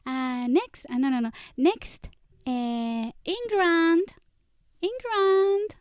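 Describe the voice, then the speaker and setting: Woman host, very high pitch, very slow halting cues, dry recording. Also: a little mellow, no echo. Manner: halting, repeats short cues and thanks. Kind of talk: hosting an online event.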